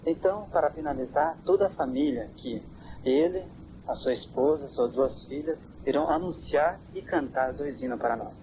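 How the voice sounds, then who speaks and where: Interviewer, man, formal and courteous, heard on worn old cassette tape with steady hiss. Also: on the high side, moderate pace. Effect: hissy, worn old cassette tape. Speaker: priest interviewer.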